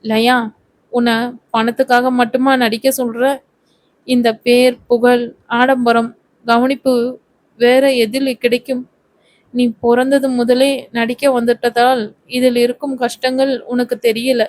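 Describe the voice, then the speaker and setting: A woman's voice: fairly high pitch, level tone, unhurried, long pauses, no room sound, close to an everyday voice. A woman voicing a scheming middle-aged mother who guilt-trips her actress daughter. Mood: reproachful. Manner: guilt-tripping, self-pitying.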